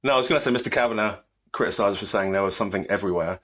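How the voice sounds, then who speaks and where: A man's voice: fairly low pitch, racing, fairly bright tone, slightly rough. A man co-hosting a gaming podcast, chatting casually and rambling through a game rundown. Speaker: podcast co-host. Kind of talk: casual chat.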